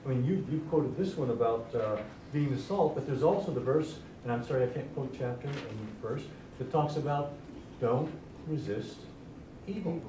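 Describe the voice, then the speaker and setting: A man taking part in a church class discussion, deliberate and argumentative, searching for his words. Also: mid-range voice, lively intonation, background noise. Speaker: class member. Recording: echoey room, mic far off.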